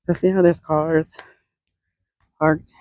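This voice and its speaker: A woman's voice: low voice, flat delivery, slow, dark tone, no echo. A woman vlogger, chatting casually and laughing often, short of breath as she walks outdoors along a roadside sidewalk. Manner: chatty, laughs often, sighs between sentences. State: out of breath while walking. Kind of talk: casual chat.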